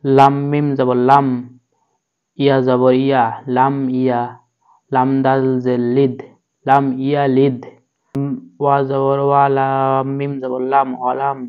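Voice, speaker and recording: A man, teaching Quran recitation one syllable at a time. He speaks slowly and evenly, with little rise or fall, and the recording is dull and lo-fi. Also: mid-range voice, monotone, clean tone. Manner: slow, syllable by syllable, level delivery. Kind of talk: slow spelled-out recitation lesson.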